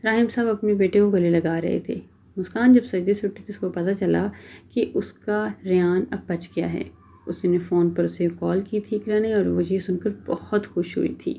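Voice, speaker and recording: A woman storyteller reading a romance novel aloud in a steady, dramatic manner. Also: lowish voice, gravelly.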